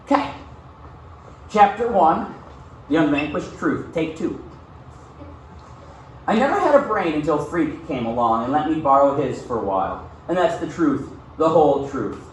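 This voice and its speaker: A man teaching a class speaks fairly high with big pitch swings, a moderate pace and long pauses, reading aloud and asking frequent short questions to check in. The room echoes, the mic is distant, and faint noise is present.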